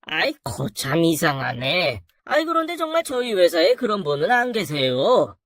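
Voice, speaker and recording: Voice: medium pitch, big pitch swings, normal speed, a bit bright, dry recording, studio quality. A narrator playing a haughty law firm boss. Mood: puzzled. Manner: condescending, lecturing. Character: arrogant middle-aged male law firm boss.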